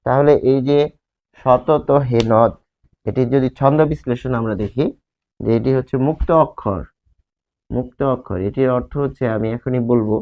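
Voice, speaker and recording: A man's voice: medium pitch, a little fast, creaky. Man, teacher, grammar lesson, repeats key terms, asks and answers himself, tinny narrow sound.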